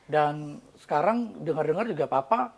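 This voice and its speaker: A woman's voice: low-pitched, lively intonation, normal speed, gravelly, darkish tone, slightly rough. A woman serving as pastor in a church interview, asking short prompting questions. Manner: brief prompting questions, encouraging.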